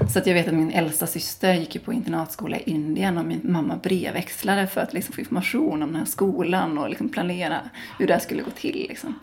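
A woman from Sweden answering interview questions in a relaxed, rambling way, full of small fillers. Her voice sits on the low side and has a gravelly, fry-laden edge. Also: slight background noise. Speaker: interview guest. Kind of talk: casual interview conversation.

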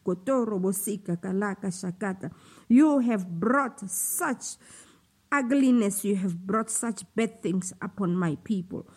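A woman delivering a slow, solemn prophetic utterance, with passages of speaking in tongues between declamatory lines. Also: mid-range voice, expressive, breathy edge. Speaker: prophetic preacher.

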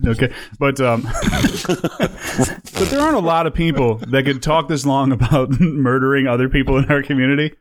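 A man's voice: medium pitch, moderate pace. A man co-hosting a casual podcast, rambling and laughing as he tells stories and acts out quotes. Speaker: podcast co-host. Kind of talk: casual banter.

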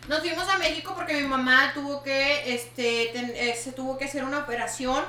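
Brief: female podcast host, high bright voice, animated code-switching storyteller, echoey room. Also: fairly quick, a little hiss or hum. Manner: animated, dramatic storyteller switching between Spanish and English. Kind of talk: casual storytelling chat. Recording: echoey room with faint ambience.

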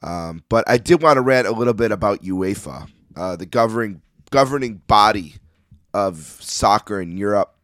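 A man hosting a sports podcast in a casual, opinionated monologue, his voice slightly hoarse as if he is losing it. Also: fairly low pitch, lively intonation, moderate pace, a bit bright, no room sound, studio quality. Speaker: podcast host.

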